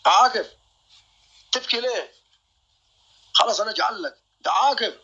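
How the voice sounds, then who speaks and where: A man's voice: sits high, expressive, fairly quick, sharp tone, breathy edge, muffled recording. A young man hosting a live stream. He jokes, boasts and keeps calling out to his viewers.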